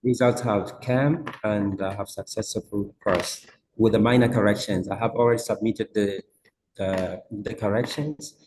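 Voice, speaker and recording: A man's voice: on the low side, fairly even intonation, darkish tone, a little hiss or hum. A man from Tanzania who is a PhD student, introducing himself carefully on a video call. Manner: slow, careful, hesitant.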